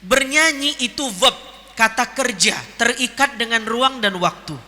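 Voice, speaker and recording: High, bright-voiced jokey male preacher. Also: lively intonation, measured pace. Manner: jokey and teasing, quizzing the crowd. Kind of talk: lively Ramadan sermon to an audience. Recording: long hall reverb.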